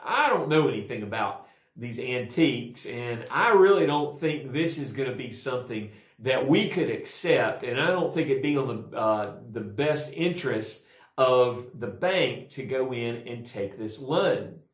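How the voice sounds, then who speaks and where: A man's voice: mid-range voice, lively intonation, unhurried, natural voice. A man voicing a bank loan officer politely turning down a request. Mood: dismissive. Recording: roomy echo.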